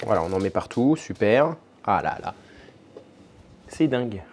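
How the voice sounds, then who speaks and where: A man's voice: fairly low pitch, big pitch swings, a little slow, a little mellow, slight background noise. A young French man talking casually to his camera in a home vlog, chatty, with restarts and fillers. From France. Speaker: vlogger and language teacher.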